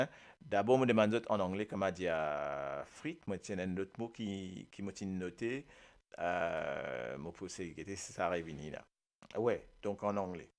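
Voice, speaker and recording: A man with a Mauritian Creole accent, hosting a casual live radio chat, playful and chatty, laughing often and jumping between topics. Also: fairly low pitch. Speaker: radio show host.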